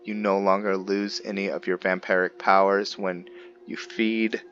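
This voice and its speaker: A man hosting a gaming video gives casual, improvised commentary, tentatively musing aloud to himself. His low-pitched voice is flat, a little slow and fairly bright, with faint music behind him. The recording is muffled, and background noise is clear.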